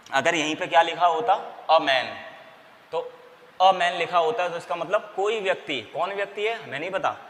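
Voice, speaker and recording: A man's voice: on the high side, fairly bright tone. A man teaching an English grammar lesson in Hindi, asking and answering his own questions and spelling out letters. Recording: long reverb, faint background noise.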